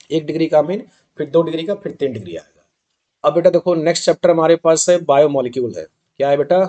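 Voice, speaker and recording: A man's voice: a little high, mellow. A young man teaching chemistry exam revision, calling students "beta" and asking himself rhetorical questions.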